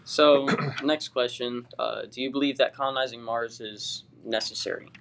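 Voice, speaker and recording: A man's voice: mid-range voice, steady tone, normal speed, vocal fry, fairly bright tone, low-quality recording. A teenage boy hosting a school podcast, asking questions in a hesitant way with fillers. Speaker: student podcast host.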